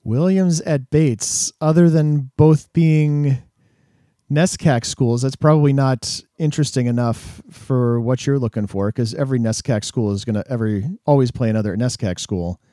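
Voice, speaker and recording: A man co-hosting a casual sports podcast, relaxed and chatty, with frequent fillers and chuckles. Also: mid-range voice, moderate pace, no room sound, clean studio sound. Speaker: podcast co-host.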